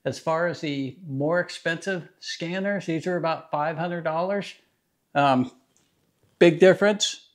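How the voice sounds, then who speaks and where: A man in his fifties, a garage channel host, plainly demonstrating scan tools in his home garage. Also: fairly high pitch. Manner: plain, practical, unhurried explaining. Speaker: DIY mechanic channel host. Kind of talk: casual product demo.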